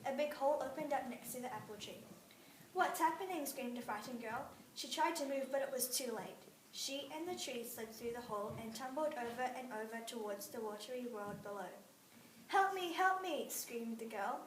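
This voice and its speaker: A woman's voice: a little high, brisk, hardly any pauses. Woman reading a story in a roomy space. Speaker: reader. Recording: roomy, distant mic, faint noise.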